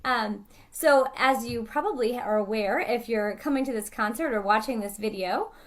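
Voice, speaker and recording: A woman's voice: a little high, moderate pace. A woman hosting an interview in a chatty conversational way, with occasional fillers. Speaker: interviewer, orchestra director.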